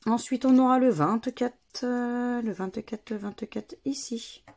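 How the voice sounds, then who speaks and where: Lady doing a scratch card vlog, talks slow, goes through each letter and number one at a time. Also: fairly high pitch, darkish tone. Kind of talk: casual commentary while playing scratch games.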